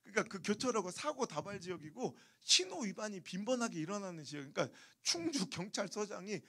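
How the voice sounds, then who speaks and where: A man from Chungcheong preaching a revival sermon, telling stories in an animated, humorous way. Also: sits high, a little fast, breathy edge. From Chungcheong, Korea. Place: church sanctuary.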